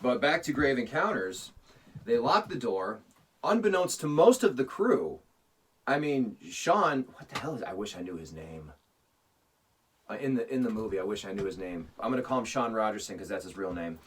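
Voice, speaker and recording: A man co-hosting a casual podcast, recapping a movie plot in an animated storytelling way. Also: mid-range voice, moderate pace. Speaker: podcast co-host. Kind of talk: casual chat, movie review. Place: remote, separate location. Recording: distant mic with faint noise.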